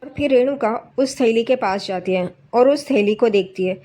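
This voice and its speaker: Woman narrator with a slightly high voice, relaxed recap of a serial, quotes characters without acting them. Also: normal speed. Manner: retells scenes and quotes characters' lines in a plain voice. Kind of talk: casual spoken recap narration.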